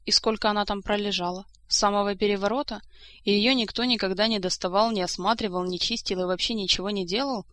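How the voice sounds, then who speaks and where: A woman's voice: medium pitch, fairly even intonation, fast talker, a bit bright, lightly acted. A woman reading the part of a hot-tempered young prince who scolds his careless cousin. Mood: scolding. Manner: exasperated, scolding.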